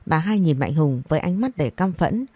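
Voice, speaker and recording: A woman narrating a scripted story, reading each character's lines in the same even voice. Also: sits low, brisk, slightly rough, no echo. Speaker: audiobook narrator.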